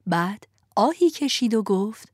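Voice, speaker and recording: A woman narrating a storybook in an expressive, animated way. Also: medium pitch, husky, dry recording, clean studio sound.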